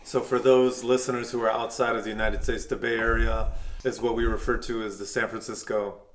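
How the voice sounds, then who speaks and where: A man hosting an interview, asking questions in a relaxed, conversational way. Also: on the low side, fairly quick, a little hiss or hum. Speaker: podcast host.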